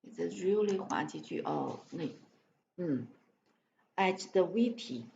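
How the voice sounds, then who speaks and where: Slow, halting woman reading. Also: lowish voice, huge pitch swings, creaky, mellow. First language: Chinese. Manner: stumbles and repeats words, sounding them out slowly. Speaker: English learner reading aloud. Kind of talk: halting read-aloud practice with spoken translations. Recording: dull lo-fi live-stream audio with faint noise.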